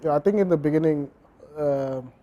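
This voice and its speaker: A man's voice: fairly high pitch, moderate pace, mellow, lo-fi sound. A man answering interview questions about his fashion brand, hesitant and full of fillers. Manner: hesitant, many fillers and restarts. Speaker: fashion designer, interview guest.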